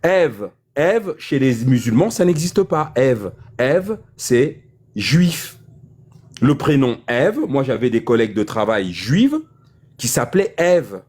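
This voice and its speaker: A man's voice: mid-range voice, sing-song, takes it slowly, darkish tone. A man lecturing insistently in a heated public debate, repeating his points. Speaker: debate speaker.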